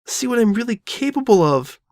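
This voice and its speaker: A woman performs a young mare pony in a fan audio drama made entirely of dialogue; the character is scared, guilt-stricken, self-doubting, and anguished, stammering anxiously. She pitches the voice above her own, on the high side, very animated and darkish, with no echo.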